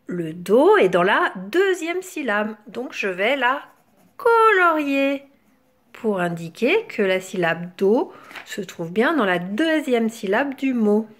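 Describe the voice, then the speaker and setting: A woman's voice: fairly high pitch, very animated. A woman teacher explaining a classroom exercise to young children, sounding out words syllable by syllable. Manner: syllable-by-syllable enunciation, drawn-out words.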